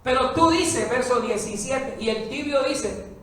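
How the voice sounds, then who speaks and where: A woman's voice: on the high side, animated, unhurried. A woman preaching a sermon, emphatic and full of rhetorical questions to the congregation. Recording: very echoey hall, far from the mic.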